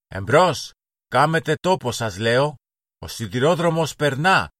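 A man voicing a lively, impulsive little boy in a children's storybook reading. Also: lowish voice, no echo, clean studio sound. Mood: excited. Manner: excitable, shouting.

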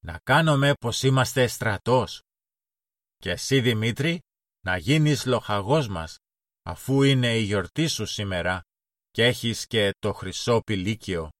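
A man's voice: on the low side, lively intonation, fairly bright tone, no room sound, studio quality, recorded from a distance. A man voicing an eager small boy who comes up with a game of soldiers, in a storybook reading. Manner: eager suggesting.

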